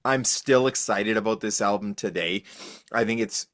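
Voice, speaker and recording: A man's voice: lowish voice, normal speed, fairly bright tone, no room sound. Gushing, enthusiastic man, dry sound. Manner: enthusiastic, gushing fan talk. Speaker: podcast guest. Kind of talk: casual chat.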